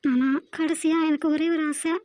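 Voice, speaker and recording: A woman's voice: sits high, steady tone, normal speed, a little mellow, no echo, clean studio sound, natural voice. Woman voicing a hurt, pleading young woman. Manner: pleading, emotional, insistent. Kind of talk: animated drama voice acting.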